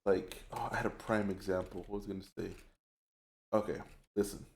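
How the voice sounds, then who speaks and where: A man's voice: deep voice, level tone, a little fast, gravelly, a little mellow. A man chatting casually, rambling and hesitant, with many fillers. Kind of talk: casual chat.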